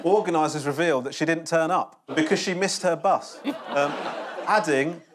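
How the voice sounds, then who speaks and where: A man's voice: a little high, normal speed, a crowd in the background. A man hosting a comedy panel show with dry joking delivery. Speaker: host. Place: TV studio with audience.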